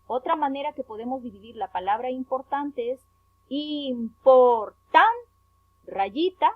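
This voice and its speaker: A high-voiced Peruvian woman speaks at normal speed while explaining a worksheet in an online primary school lesson. She spells words carefully, leaning on each syllable; the sound is dry and thin, like a phone.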